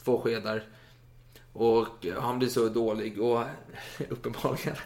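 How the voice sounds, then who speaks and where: Casual male storyteller, animated, mid-range voice, conversational history chat. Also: medium pitch. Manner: animated retelling with acted quotes and laughs. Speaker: podcast co-host storyteller.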